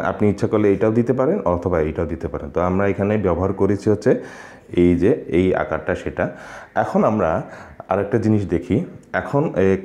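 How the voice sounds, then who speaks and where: A man teaching a language lesson, pausing often with fillers and checking in with his listeners. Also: fairly low pitch, dark tone, roomy sound. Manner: hesitant, many filler sounds, checks in with listeners.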